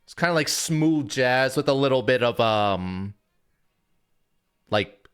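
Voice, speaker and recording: A man's voice: mid-range voice, slow, clean tone, soft background music. A young man casually chatting to his live-stream audience, rambling loosely with lots of filler words. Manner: relaxed rambling with many "like" fillers.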